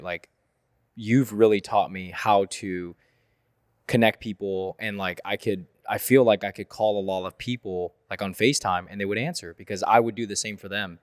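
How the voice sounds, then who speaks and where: A man's voice: fairly low pitch, dry recording, clean studio sound. A man hosting a casual interview, laid-back and agreeing often in short replies.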